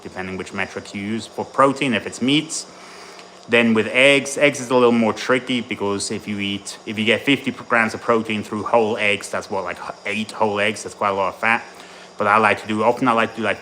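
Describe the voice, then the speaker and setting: On a rough recording with slight background noise, a sharp, lowish male voice belongs to a bodybuilding coach born in Tennessee and raised in Ireland. Between sets at the gym, he chats and rambles casually with his live audience, answering their messages while training.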